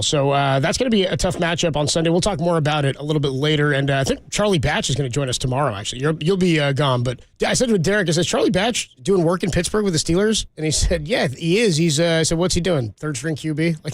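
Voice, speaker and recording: A man's voice: on the high side, animated, quick pace, few pauses, no echo. A man hosting sports radio with casual, jokey, colloquial banter.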